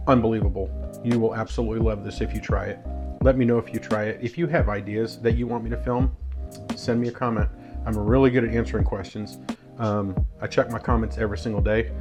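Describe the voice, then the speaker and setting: A man hosting a casual cooking vlog, walking viewers through a recipe step by step with friendly enthusiasm. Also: fairly low pitch. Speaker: cooking vlogger.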